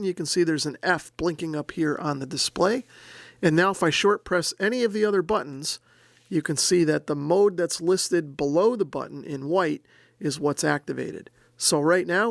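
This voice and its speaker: In an indoor room with no echo, a male host and radio reviewer walks through a product demonstration, explaining the equipment methodically, plainly and step by step. His voice is a little high, creaky and a bit bright.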